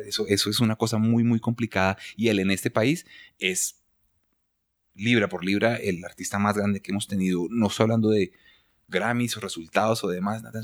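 A Colombian man with a Colombian accent, speaking as a guest photographer in a casual interview. He talks with passion and firm opinions and often restarts his sentences. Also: on the low side.

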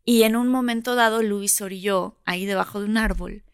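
A woman with a Mexican accent, a podcast guest telling a personal story in casual, animated chat. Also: medium pitch, fairly quick, clear, resonant tone, dry recording, studio quality.

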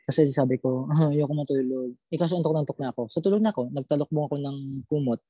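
Young adult storyteller, casual ghost tale, soft husky timbre, halting delivery, dry room. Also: mid-range voice, no echo. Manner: halting, repeats words while recalling details.

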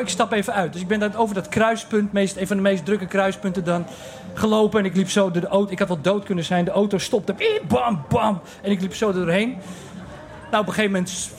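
A man's voice: sits high, fast. A man in his forties telling a comic personal story, acting out other people's voices and sound effects. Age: 40s. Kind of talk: personal anecdote told to listeners.

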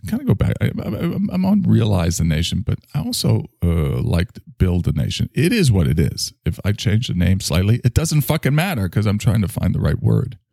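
An older man in his sixties rambles through a solo podcast, joking at his own expense. His voice is low and gravelly, and his pitch swings widely. The sound is dry and close. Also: big pitch swings, moderate pace, hardly any pauses, dark tone, no room sound. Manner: rambling, self-mocking, jokey. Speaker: podcast host.

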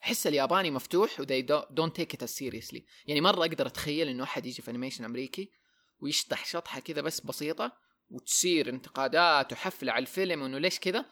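A man's voice: a little high, very fast, sharp tone. A young man hosting a casual podcast chat, rambling, repeating words and slipping into English. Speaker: podcast host.

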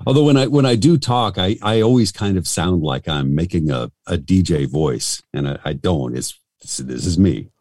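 A man's voice: low voice, expressive, normal speed, hardly any pauses, a little mellow, no room sound. A middle-aged man from the United States, a radio host and voice actor, telling stories in an interview with lots of fillers and restarts. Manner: rambling, full of fillers and restarts. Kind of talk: casual storytelling in an interview.

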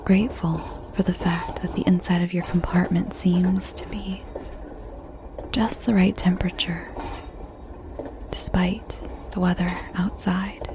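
A woman whispering a slow guided visualization story in the second person, in a soft unvoiced whisper. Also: on the low side, little pitch movement, noisy background.

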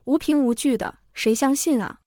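A loyal young maid, voiced by a woman storyteller asks questions with hesitation. Her voice is slightly high, recorded dry and close. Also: moderate pace, dark tone, dry recording, natural voice. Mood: doubtful.

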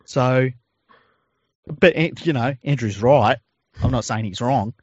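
A man's voice: medium pitch, slow pace, husky, no echo, lo-fi sound. An Australian man co-hosting a podcast in casual chat and informal ad reads, with a jokey, informal manner. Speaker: podcast co-host.

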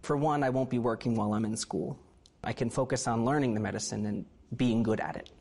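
A man's voice: mid-range voice, brisk, darkish tone, husky. A young man in his twenties, a medical student, speaking earnestly in an interview.

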